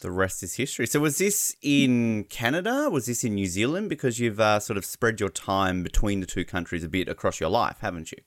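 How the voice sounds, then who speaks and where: Australian man hosting with very animated pitch. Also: a little fast, hardly any pauses, no room sound, studio quality. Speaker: sports podcast host. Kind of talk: chatty podcast hosting.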